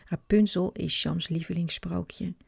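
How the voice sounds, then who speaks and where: A woman reads a children's book aloud in a clear, expressive way. Her voice is low and gravelly, and the recording is close and dry. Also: measured pace, no room sound. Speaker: storyteller.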